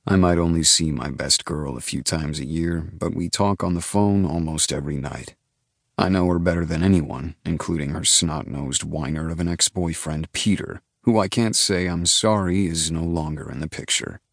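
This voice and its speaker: A man's voice: sits low, moderate pace, vocal fry, no room sound. A man narrating a first-person audiobook in a dry, laid-back storytelling manner.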